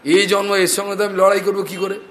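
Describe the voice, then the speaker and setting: A man's voice: sits high, level tone, fast, fairly bright tone. A man voicing a frightened king of the gods in despair. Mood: panicked. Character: panicked male king of the gods.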